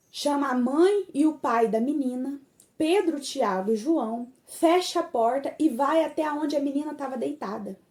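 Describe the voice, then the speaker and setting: Woman preacher, high voice, impassioned sermon delivery. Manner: impassioned, dropping soft for quoted words.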